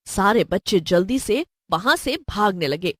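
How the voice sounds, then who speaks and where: A woman narrating a cartoon story in an expressive, lively storybook style. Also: medium pitch, unhurried, no echo, clean studio sound.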